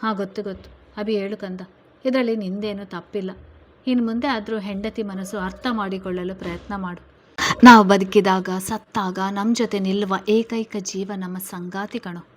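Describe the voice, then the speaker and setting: A woman voicing a loud, stern, protective mother. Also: mid-range voice, steady tone, normal speed, a little hiss or hum, lightly acted. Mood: firm. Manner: loud, forceful, scolding. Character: stern, protective middle-aged mother scolding relatives.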